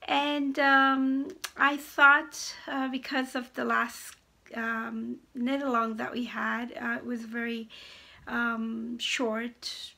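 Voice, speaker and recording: A woman hosts a casual podcast at a slow, unhurried pace. Her voice sits a little high and stays fairly flat in melody. She pauses hesitantly, sounding slightly hoarse, as if her voice is giving out. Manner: hesitant, halting with frequent pauses. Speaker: knitting podcast host. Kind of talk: casual chatty video podcast.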